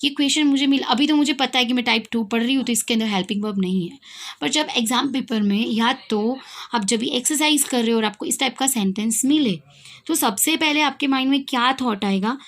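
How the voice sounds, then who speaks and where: Speaking fairly quickly in a fairly high voice, this young Indian-accented woman leads an English grammar class. She asks her students questions, supplies the answers herself, and goes over the key points again.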